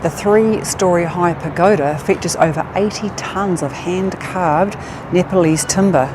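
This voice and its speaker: A woman's voice: fairly low pitch, unhurried. New Zealand woman vlogging outdoors in a city. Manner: exclaims in wonder between read-out sightseeing facts. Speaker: travel vlogger. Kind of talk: casual travel vlog narration. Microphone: handheld action camera or phone. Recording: noisy outdoor city sound.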